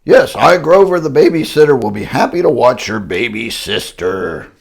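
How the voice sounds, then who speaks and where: A gravelly man doing Grover, eager fuzzy monster. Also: medium pitch, very animated, moderate pace. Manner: eager, speaks of himself formally. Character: earnest fuzzy little male monster.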